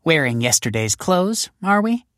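A man's voice: a little high, sing-song, measured pace, fairly bright tone, dry recording, clean studio sound, pitched above the performer's own voice. A male audiobook narrator voicing a breezy, mocking female police detective who needles people with sarcastic politeness. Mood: teasing. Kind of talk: audiobook character voice.

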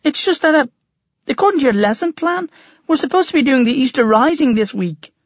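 A man's voice: expressive, dry recording, muffled recording. A man voicing a nervous teenage schoolboy with a twangy, fussy voice in an audiobook. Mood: anxious. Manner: nervous, quick and high. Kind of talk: audiobook character voice.

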